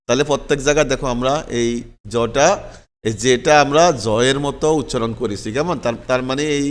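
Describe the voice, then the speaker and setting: A man's voice: mid-range voice, fairly quick, long reverb tail. A man teaching English letter sounds, spelling words out letter by letter and repeating them patiently, often checking in with his learners.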